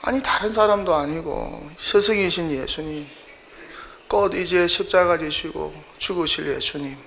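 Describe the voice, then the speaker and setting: A man's voice: a little high, measured pace, vocal fry, a bit bright, a little hiss or hum. A male pastor preaching a sermon in a church, emphatic and full of rhetorical questions.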